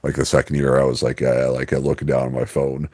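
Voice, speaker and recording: A man co-hosting a podcast in a casual, rambling way, piling up fillers and false starts. His voice sits very deep and low. The recording is close and dry. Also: monotone, fast talker, a little mellow, no room sound. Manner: rambling storyteller, many fillers and restarts, laughs easily. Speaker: podcast co-host. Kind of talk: casual chat.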